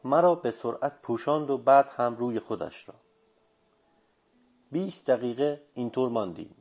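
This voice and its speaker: A man reading a first-person story aloud in a steady, measured narration. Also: mid-range voice. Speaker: audiobook narrator. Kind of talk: scripted literary narration. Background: faint music.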